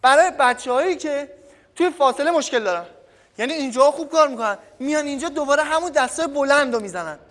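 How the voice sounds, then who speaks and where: A man from Iran with a cold, giving a casual, energetic boxing training tutorial to viewers he calls kids, recorded in a gym without a microphone. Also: extremely high pitch. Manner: energetic, addresses viewers as kids, trails off quietly. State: has a cold. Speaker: boxing coach. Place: gym by a punching bag. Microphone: no microphone, camera audio. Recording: long echoey gym reverb.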